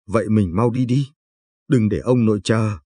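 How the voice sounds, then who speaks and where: A man's voice: on the low side, normal speed, mellow, husky, no room sound, studio quality. Man reading as a cheeky young village man. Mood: teasing. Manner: teasing, playful.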